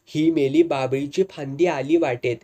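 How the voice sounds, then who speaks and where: A narrator voicing a shy young village woman speaking softly in rural dialect. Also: sits low, fairly even intonation, unhurried. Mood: bashful.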